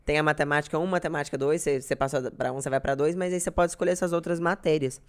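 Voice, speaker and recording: A woman's voice: deep voice, steady tone, rapid-fire. A young woman from Brazil, chatting casually as a podcast guest and telling self-deprecating stories. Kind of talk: casual chat.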